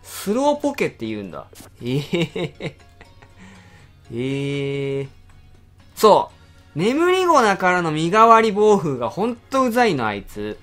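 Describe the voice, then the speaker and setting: Animated man reacting to a game. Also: a little high, faint music behind. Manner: excitable, exclaiming reactions and rapid grumbling. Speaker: game channel host. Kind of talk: live game commentary.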